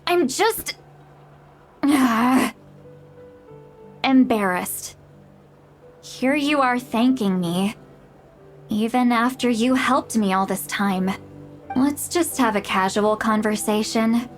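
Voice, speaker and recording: Slow-talking, slightly high-voiced game granny of great age: proud, flustered, self-mocking. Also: female voice, soft background music. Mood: candid. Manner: flustered, self-deprecating, boastful. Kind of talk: video game voice acting.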